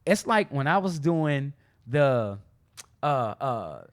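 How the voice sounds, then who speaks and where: A man co-hosting a podcast in casual chat, animated and quick to laugh, acting out what other people say. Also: medium pitch, dry recording, clean studio sound. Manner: animated, laughs often, plays out quoted people in a raised voice. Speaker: podcast co-host.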